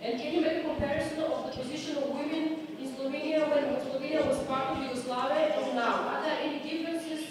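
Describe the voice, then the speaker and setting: Woman asking questions from the floor, higher voice, echoey hall, crowd murmur. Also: steady tone, fast talker, few pauses, recorded from a distance. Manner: direct, probing questions. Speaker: audience member asking questions. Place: large conference hall, standing in the audience. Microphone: handheld mic.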